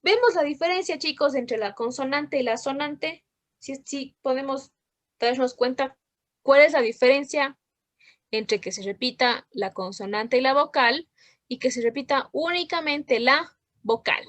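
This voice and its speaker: A woman's voice: sits high, a little slow, fairly bright tone, dry recording. A woman teaching a literature class over a video call, patient and asking questions often. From Ecuador. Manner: patient, checks in with frequent questions. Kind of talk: online class lesson.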